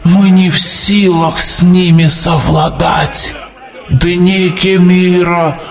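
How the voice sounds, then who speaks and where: In an audiobook character voice, a man plays an ancient, grey-haired prophet, creaky and dusty-voiced, a little high and far from the mic over music. Fervent and doom-laden, the older figure preaches solemnly to a crowd, rising to shouts.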